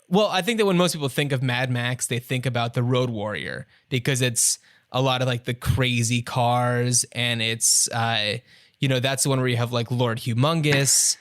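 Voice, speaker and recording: A man's voice: medium pitch, a little slow, a bit bright. A man co-hosting a podcast, chatting in an easygoing, agreeable way with frequent fillers. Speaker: podcast co-host. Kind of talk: casual chat.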